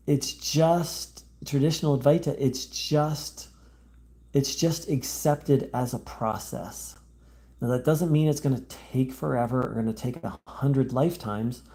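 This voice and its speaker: A man hosting a spiritual channel, talking live into his phone and reading viewer comments, in a meandering, halting way with many fillers and restarts and a gentle, conciliatory manner. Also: mid-range voice.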